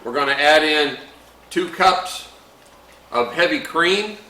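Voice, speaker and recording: A man hosts a casual drink-making tutorial, folksy and chatty, with bits of playful pirate slang. His voice is crisp and bright, sitting a little high for a man. The room gives it a noticeable echo. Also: expressive, slow pace, distant mic. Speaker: host of a home bar drink show.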